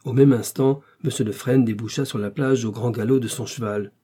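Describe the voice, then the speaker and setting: A man narrating a novel as an audiobook in a steady, measured way, with a husky voice. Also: mid-range voice.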